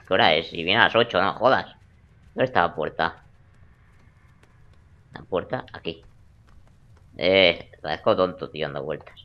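A man's voice: low voice, normal speed, pauses often, highs cut off. A young man giving joking, crude gameplay commentary in a teasing, playful way. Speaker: let's play gamer.

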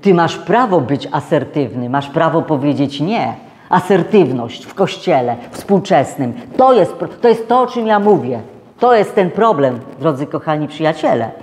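A male pastor delivering a casual, conversational sermon, speaking right to his listeners. His voice sits slightly high for a man. It rings with the long reverb of a church hall. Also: big pitch swings, moderate pace, a little hiss or hum. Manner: conversational preaching, addresses the congregation directly; acts out quoted voices higher and louder.

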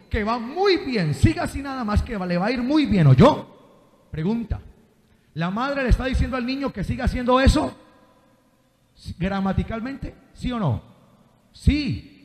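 High-voiced preacher quizzing his flock. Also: darkish tone. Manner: quizzes the congregation with call-and-response questions. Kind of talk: sermon. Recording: reverberant hall.

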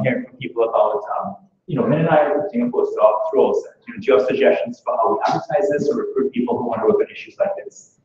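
In a lecture room, an academic man from Trinidad and Tobago with a Trinidadian accent gives a brisk, earnest conference talk at a rapid clip, explaining through rhetorical questions posed to his audience. His voice is medium-pitched and dark. The recording is echoey and somewhat muffled.

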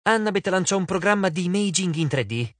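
A man narrating an audiobook with a lively, theatrical delivery. His voice is fairly high and rises and falls a lot. The sound is close and dry. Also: brisk, no echo. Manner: expressive, theatrical reading. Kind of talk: scripted narration.

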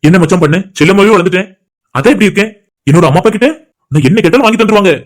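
A man voicing a cocky, fast-talking young groom. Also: high-pitched, close to an everyday voice. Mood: smug. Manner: rapid, teasing, boastful. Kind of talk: cartoon voice acting.

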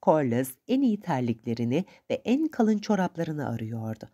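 A woman narrating a novel for an audiobook in a calm, measured storytelling manner. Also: sits low, husky, muffled recording.

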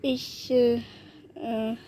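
Daughter in the garden at night, high mellow voice, a bit hesitant, simple answers. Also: female voice, flat delivery, drawn-out words, slight background noise. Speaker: vlogger's daughter. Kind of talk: casual family chat.

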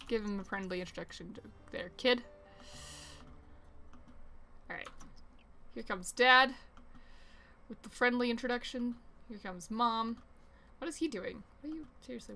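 A woman's voice: on the high side, normal speed, vocal fry, long pauses, sharp tone, slight background noise. A young woman chatting casually as she plays a life-simulation game, rambling and reacting with surprise. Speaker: let's play host. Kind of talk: casual gameplay commentary.

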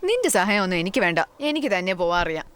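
A woman's voice: lowish voice, very animated, racing, clear, resonant tone. An actress dubbing a fierce, bold young village woman who speaks sharply. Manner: bold, sharp-tongued, demanding. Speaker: dubbing actress voicing the heroine. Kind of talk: Malayalam film dub acting.

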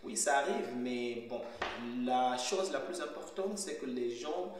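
A young Zimbabwean man whose first language is Shona vlogs casually to his laptop camera in a bare kitchen as a language learner, hesitating and pausing often to find words. His voice is mid-range with lively intonation. The room is very echoey, with a faint hum.

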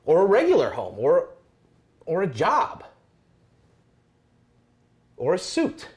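A broke, stammering cousin. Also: male voice, on the high side, wildly swooping pitch, slow pace, a little mellow, exaggerated voice. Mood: pleading. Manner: hesitant, stammering, then pleading. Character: broke, anxious male cousin Richard. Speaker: actor in a short film. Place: house basement and kitchen, indoors.

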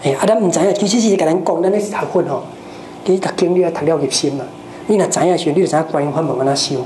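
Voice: mid-range voice, rapid-fire. Buddhist teacher preaching in a roomy hall. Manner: lively, rhetorical questions to the audience. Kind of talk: dharma lecture. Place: lecture hall of a Buddhist society. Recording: roomy hall with faint noise.

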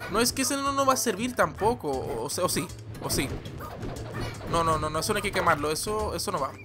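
Excitable man shouting over gameplay. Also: high voice, brisk. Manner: excitable, rambling, shouts at the game. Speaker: gaming channel host. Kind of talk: let's-play gameplay commentary. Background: game music.

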